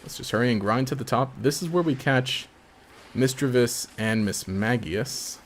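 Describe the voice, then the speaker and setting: A man's voice: mid-range voice, moderate pace, slight background noise. A man casually commenting on his own gameplay during a live stream, rambling, laughing often and trailing off mid-sentence.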